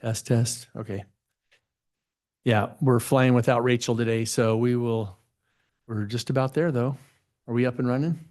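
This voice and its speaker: A man's voice: mid-range voice, steady tone, moderate pace, long pauses, darkish tone. A man on city staff who sets up the recording and calls the roll in a casual way. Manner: casual, checks pronunciations. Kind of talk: running roll call.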